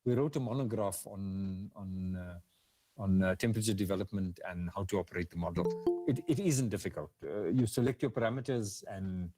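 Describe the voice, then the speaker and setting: South African man, mellow hesitant lecturer. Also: low voice, normal speed, faint music behind. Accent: South African English. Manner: hesitant, with frequent fillers and restarts. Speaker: guest speaker. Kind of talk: webinar lecture and Q&A.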